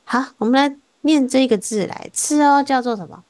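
A woman's voice: high-pitched, a little mellow, no room sound. Patient woman teacher modeling sounds. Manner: patient, encouraging, models sounds slowly and repeats them. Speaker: Korean language teacher. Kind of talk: online language lesson.

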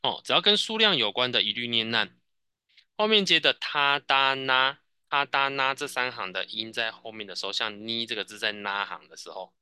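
A man's voice: mid-range voice, sharp tone, clean tone, no echo. A man with a Taiwanese Mandarin accent teaching a Japanese class, patiently drilling students and tagging sentences with "哦". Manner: patient, repeats answers, frequent "哦" tags.

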